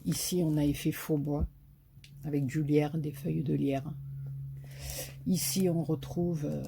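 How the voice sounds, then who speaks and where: Her voice sits low, gravelly and dark, a little slow and flatly delivered, with slight background noise. This southern French craft vlogger with a Marseille accent chats hesitantly in a haul video, full of fillers, eager about her paper designs.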